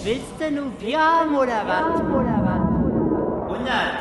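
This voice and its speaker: Shady beer dealer. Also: female voice, sits high, animated, unhurried. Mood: furtive. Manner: hushed, hissing "psst", slangy.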